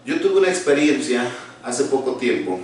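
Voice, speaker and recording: A man preaching as a pastor, earnest and halting, with many restarts and fillers. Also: mid-range voice, very animated, slight background noise. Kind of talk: sermon. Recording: very echoey room, voice from far off.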